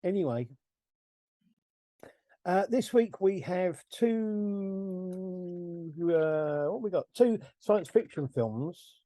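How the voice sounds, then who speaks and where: A man's voice: high voice, expressive, extremely slow, pauses often, warm tone, no room sound. A middle-aged man hosting a casual film review podcast, rambling, chuckling and correcting himself as he goes. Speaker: podcast host.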